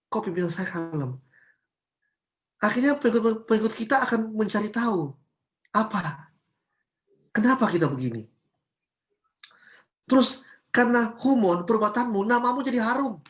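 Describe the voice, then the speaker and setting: A woman pastor from Ambon delivering a church sermon. She preaches in a chatty, lively way, firing off rhetorical questions and everyday examples. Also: on the high side, moderate pace, long pauses. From Ambon, Indonesia.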